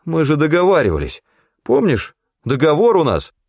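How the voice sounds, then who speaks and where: A scared, fawning young junkie voiced by a male reader who pleads and babbles in a hurry. His voice rides well above the reader's usual pitch, thin and whiny. An audiobook figure, always begging. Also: wildly swooping pitch, normal speed, vocal fry, darkish tone, husky, dry recording, studio quality, heavily acted. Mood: whiny, pleading.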